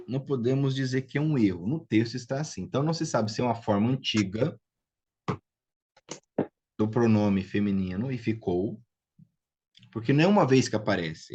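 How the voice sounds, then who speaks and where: A man's voice: medium pitch, lively intonation, normal speed, long pauses, a little mellow, lo-fi sound, slight background noise. A man with a Brazilian Portuguese accent teaching a live biblical Hebrew class, patient and checking in with students as he goes. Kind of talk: live online class, explaining and drilling pronunciation.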